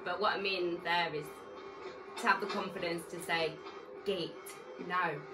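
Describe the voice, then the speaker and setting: A woman's voice: on the low side, steady tone, moderate pace, distant mic, over music. A woman co-hosting a TV reaction video, wry and sweary as she comments on the show. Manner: wry, swears and laughs at the screen. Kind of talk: casual TV reaction chat.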